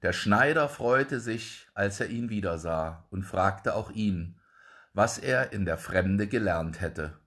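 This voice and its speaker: A man reading a fairy tale aloud in a slow, expressive way. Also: lowish voice. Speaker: storyteller.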